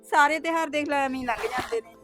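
A woman's voice: sits high, quick pace, a bit bright, soft background music. An actress playing a young married woman who tearfully pleads with her brother and sister-in-law. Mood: welcoming. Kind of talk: village drama acting.

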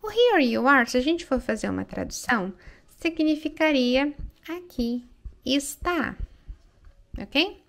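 A Brazilian woman teaching English through Portuguese, moving slowly and carefully and pausing to ask "né?" and "ok?". Her voice sits a little high and has a gravelly edge. She reads the English lines out slowly and clearly. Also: animated. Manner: slow, careful delivery with frequent check-ins like "né?" and "ok?". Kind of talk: explaining English phrases in Portuguese.

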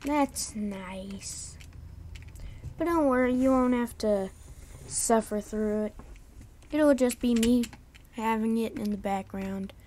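A woman giving casual gameplay commentary in a sleepy monotone, having just woken up. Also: fairly high pitch, takes it slowly, pauses often, a little hiss or hum. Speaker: gaming YouTuber.

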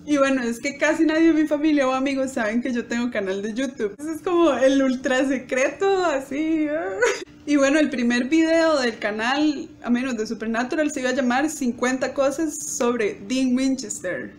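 A woman's voice: sits high, normal speed. A young woman, chatting to camera and acting out quoted lines with bursts of laughter. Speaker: YouTuber. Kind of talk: casual storytelling to camera.

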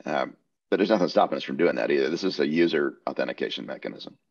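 A man's voice: very deep voice, fast, creaky, breathy edge. An older man on a headset during a video call, giving dry, wry technical advice. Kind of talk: casual technical discussion. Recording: dull lo-fi call audio.

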